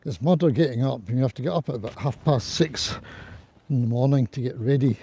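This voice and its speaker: A man with a husky voice chatting casually and ramblingly as he livestreams a walk outdoors on a small clip-on mic. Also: mid-range voice, fairly quick, warm tone. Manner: chatty, rambling, greets viewers as he goes. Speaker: livestream host on a group walk. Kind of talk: casual live vlog chat to viewers. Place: outdoors on a riverside hiking trail in cold wind. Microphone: small DJI clip-on mic worn near the throat.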